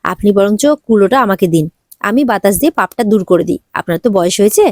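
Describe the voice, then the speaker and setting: A woman's voice: mid-range voice, fast talker, dry recording, clean studio sound, natural voice. A woman reading the lines of a cheeky young bride. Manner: cheeky, mocking retorts. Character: bold, sharp-tongued young bride.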